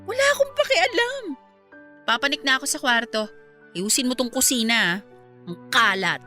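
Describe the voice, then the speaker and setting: A woman's voice: high-pitched, big pitch swings, normal speed, sharp tone, soft background music, heavily acted. A woman playing a cruel, haughty employer who scolds with contempt in a radio drama. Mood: scornful.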